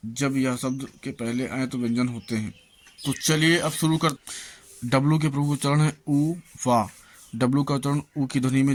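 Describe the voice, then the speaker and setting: A man teaching English pronunciation, slowly reading out example words one by one, then encouraging his viewers to keep practising. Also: medium pitch, slight background noise. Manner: slow, listing words one by one.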